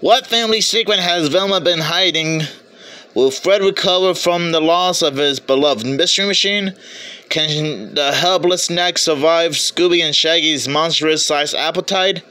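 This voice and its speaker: Bright-voiced man reviewing a movie. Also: fairly high pitch, unhurried. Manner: chatty and playful, stumbles over words. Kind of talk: casual video review.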